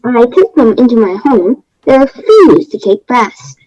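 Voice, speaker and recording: In readers theater, a woman with a slightly high, dark-toned, very animated voice speaks at a measured pace as a prim, aggrieved fairy-tale woman. She sounds firm, matter-of-fact, and self-justifying, and the microphone sound is dull and lo-fi.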